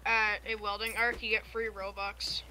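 A young man joking loudly while gaming with friends. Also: high-pitched, level tone, moderate pace, heavy background noise. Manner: loud, rowdy, joking. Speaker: friend on stream. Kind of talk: casual gameplay chat.

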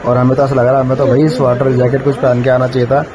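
A man vlogging casually while climbing outdoor temple steps, out of breath and tired, often pausing with fillers. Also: mid-range voice, level tone, a crowd in the background, rough recording. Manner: chatty, tired, filling pauses with "matlab". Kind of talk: casual travel vlog narration. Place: outdoor hillside stairway to a temple. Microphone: phone camera held while walking.

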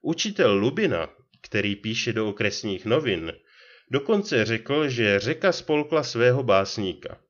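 A man voicing a talkative, excitable old ferryman in a read-aloud story, exclaiming and gossiping, on a dull lo-fi recording. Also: medium pitch. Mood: chatty.

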